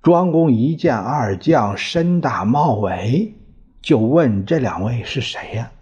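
A man's voice: medium pitch, lively intonation, slow pace, a little mellow, breathy edge. A man narrating a historical novel as a storyteller, in a colloquial, leisurely way with wry asides. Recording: dull lo-fi recording.

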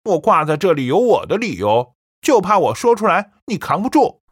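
A woman's voice: on the low side, sing-song, normal speed, husky, dry recording, studio quality. A woman voicing a stubborn young man who talks back bluntly and coldly to his mother. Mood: defiant. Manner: blunt and cold.

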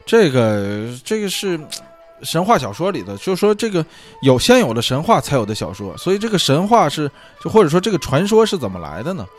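A man hosting a casual solo talk show, musing aloud in a chatty way with many fillers. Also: mid-range voice. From China. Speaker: podcast host. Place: lives abroad.

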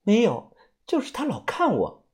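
A man voicing a young woman who tells of a stranger watching her, speaking softly in a raised voice. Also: wildly swooping pitch, normal speed. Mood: uneasy. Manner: soft, raised pitch, hushed. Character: young woman, pretty, uneasy companion.

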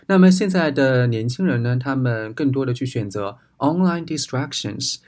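A man's voice: mid-range voice, animated, normal speed, a little mellow. A Chinese man, a native Chinese speaker, teaching English words in Mandarin and spelling them out letter by letter. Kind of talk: explaining an English news text in Chinese.

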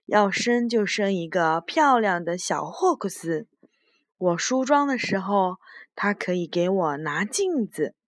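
A woman's voice: lively intonation, a little slow, no room sound, clean studio sound, close to an everyday voice. A woman doing a vain, wailing storybook witch. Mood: petulant. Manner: wailing, shrill. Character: vain, quarrelsome female witch who wails.

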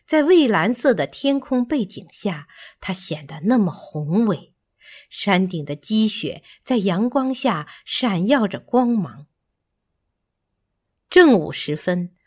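Slow, expressive woman storyteller. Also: mid-range voice. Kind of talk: children's storybook reading.

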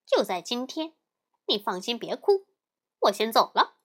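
A woman's voice: a little high, sing-song, unhurried, a bit bright, exaggerated voice. A woman voicing a cheeky, confident male monkey king in a children's storybook reading, talking curtly. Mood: reassuring. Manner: curt, scolding, confident.

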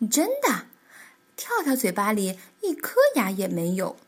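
Husky woman reading a picture book. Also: medium pitch, a little slow. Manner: animated, expressive storytelling. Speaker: children's storyteller.

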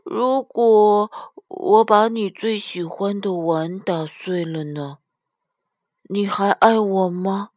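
A woman's voice: a little high, lively intonation, takes it slowly, no room sound, clean studio sound, voice pushed up. A woman voicing a curious little girl bear cub in a storybook, asking question after question in a pleading way.

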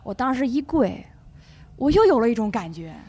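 A woman, telling a personal story as a guest on a talk show in a chatty, animated way. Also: a little high, normal speed, husky. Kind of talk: casual storytelling chat.

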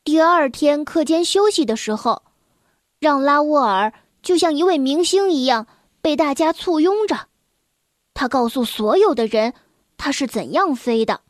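A woman storyteller reading a children's story aloud in a gentle, expressive way. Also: sits high, dry recording, clean studio sound.

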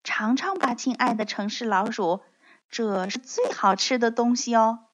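A woman's voice: on the high side, unhurried, lightly acted. A woman voicing a cheerful, friendly little country mouse that sounds eager and welcoming. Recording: dull lo-fi recording.

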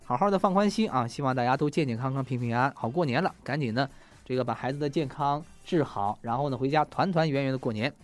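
A man's voice: medium pitch, fast talker, soft background music. A man hosting a show, reading listener messages in a jokey, chatty way and laughing often. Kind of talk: casual chat.

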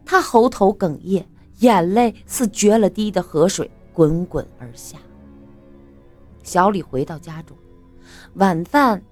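A woman reads a spooky tale aloud in a dramatic storytelling voice. Her pitch swings widely from line to line. Soft music plays faintly behind her. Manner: expressive, dramatic. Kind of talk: scripted story narration.

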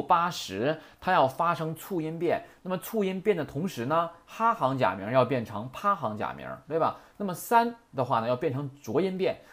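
A man's voice: medium pitch, fairly bright tone. A man teaching Japanese grammar in a chatty lecture, often asking rhetorical questions. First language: Mandarin.

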